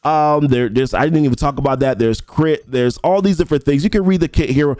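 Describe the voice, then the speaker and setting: With a fairly high, darkish voice and a slightly fast delivery, recorded without echo, a young adult man casually covers a mobile game update. The content creator reads ability text aloud from the patch notes and rambles, restarting his sentences frequently.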